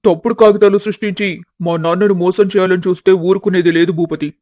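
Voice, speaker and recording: A man's voice: sits high, fairly even intonation, fairly quick, a little mellow, no echo, clean studio sound, lightly acted. A man voicing a defiant young son. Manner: firm, defiant. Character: protective young adult son, hot-tempered.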